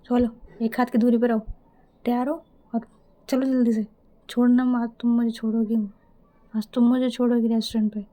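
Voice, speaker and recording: A woman's voice: a little high, level tone, normal speed, long pauses, warm tone, natural voice. A woman voicing a shy young woman who scolds and teases her partner in a spoken love story. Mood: exasperated. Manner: chiding, exasperated.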